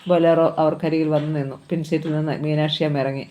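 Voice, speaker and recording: Novel reader, steady narrating delivery, warm dark tone. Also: medium pitch, fast. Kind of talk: reading a novel aloud.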